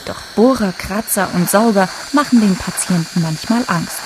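A woman narrating a children's educational film in a calm, clear, explanatory way. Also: medium pitch, normal speed, noisy background.

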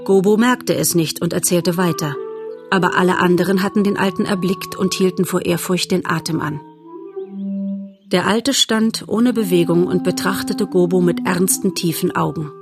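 A woman narrating an audiobook in a calm, measured storytelling manner. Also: fairly low pitch, vocal fry, music in the background.

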